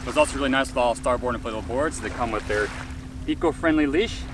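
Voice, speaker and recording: A man casually unboxing gear for a vlog, relaxed and upbeat, recorded on a camera mic at a distance. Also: mid-range voice, quick pace. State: briefly out of breath after pumping. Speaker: paddleboard vlogger. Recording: distant mic with background noise.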